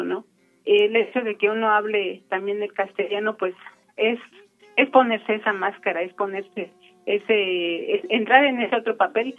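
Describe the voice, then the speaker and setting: The audio is narrow and tinny, carrying a mid-range female voice. She is being interviewed: a woman from Michoacán, Mexico, with Purépecha as her first language, recounting personal memories thoughtfully and without hurry, with many pauses.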